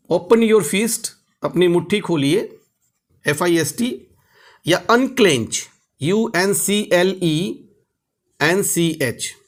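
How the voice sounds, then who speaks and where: In a Hindi-medium lesson on English vocabulary, a man with a high-sitting voice spells words out letter by letter and repeats phrases. He often poses questions and then answers them himself.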